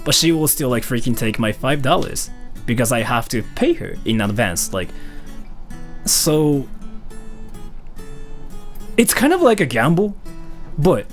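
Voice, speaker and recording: A man from Japan runs a live-streamed Q&A, reading out donations and thanking donors while rambling with heavy use of "like" as a filler. His medium-pitched voice swings widely in pitch, moves a little slowly and leaves long pauses. Soft music plays in the background.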